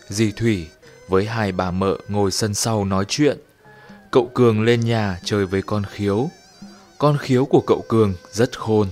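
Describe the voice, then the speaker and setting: A man's voice: fairly low pitch, darkish tone. A man narrating a first-person horror story in a tense, scripted way.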